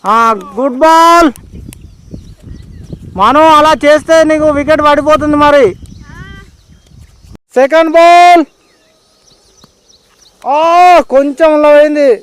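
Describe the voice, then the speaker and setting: A man's voice: very high voice, fairly even intonation, takes it slowly, pauses often. A man with a Telangana Telugu accent giving informal, exclamatory ball-by-ball cricket commentary, often repeating his calls.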